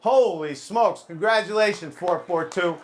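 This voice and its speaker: A man's voice: high voice, measured pace, a faint crowd, a little hiss or hum. A man working as a live auctioneer, calling out bids to a room and teasing the bidders like a showman.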